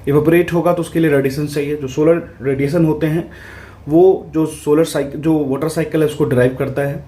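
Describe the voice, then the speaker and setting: A man, an exam prep tutor, explaining answers in a casual lesson, checking in often and reading questions out slowly. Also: on the high side, fairly even intonation, mellow. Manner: conversational, repeats "ठीक है" to check in, reads English questions out slowly.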